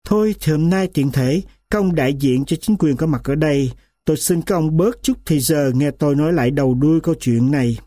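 A man's voice: fairly high pitch, mellow, no echo, clean studio sound, lightly acted. Man reading as a defiant old grandmother. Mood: aggrieved. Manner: pleading then accusing, slow weighty delivery. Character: indignant grandmother near seventy, worn down and defiant.

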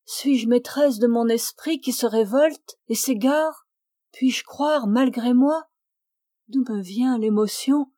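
A woman's voice: on the high side, warm tone, no echo, studio quality. Fanny, a troubled, trembling young woman, read by a woman. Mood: overwhelmed. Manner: agitated, questioning, emotional.

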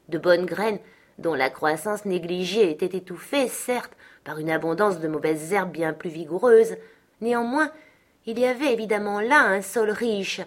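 In this audiobook clip, a woman with a medium-pitched voice narrates a classic novel. Her delivery stays even and measured throughout.

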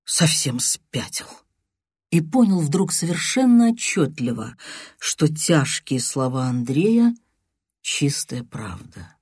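An audiobook reader narrating a novel in a measured, dramatic way. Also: medium pitch, big pitch swings, a little mellow, slightly rough, no room sound, studio quality.

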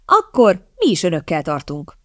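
A woman doing an eager young gentleman. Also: fairly low pitch, huge pitch swings, no echo, clean studio sound. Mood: eager friendly. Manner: earnest, enthusiastic.

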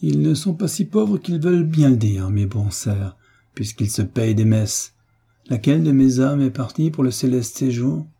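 A man reading aloud in French, voicing a stern, domineering Russian landowner who speaks in curt, commanding questions, with a husky voice. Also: medium pitch, animated, moderate pace, warm tone, pitched above the performer's own voice. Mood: curt, scornful.

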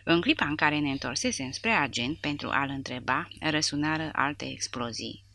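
Low, bright-toned woman narrator. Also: animated, a little hiss or hum. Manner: dramatic storytelling reading. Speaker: audiobook narrator. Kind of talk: scripted narration.

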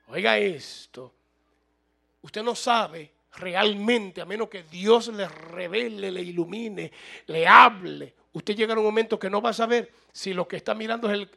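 High, gravelly-voiced preaching man. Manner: preaching, rising to loud emphatic bursts, asks the room. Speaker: pastor. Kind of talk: sermon.

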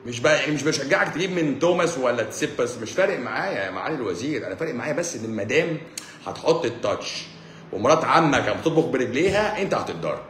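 A rapid-fire Egyptian man in his forties answers comments on a live stream with mocking sarcasm. He jumps from loud, exasperated bursts to low mutters. His voice rings around an echoey room. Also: animated, a little hiss or hum. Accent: Egyptian Arabic. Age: 40s. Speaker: doctor hosting a live stream.

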